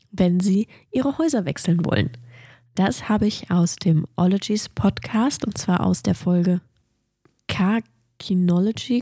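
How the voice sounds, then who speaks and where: With a dark, husky, mid-range voice, a woman hosts a casual solo science podcast, eagerly sharing nerdy facts. She has a cold and a blocked nose, and the sound is clean studio quality with no echo.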